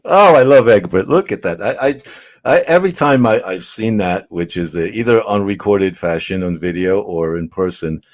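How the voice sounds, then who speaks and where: A man hosting an interview, talking casually in a halting way with many fillers. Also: low-pitched, lively intonation. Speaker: host.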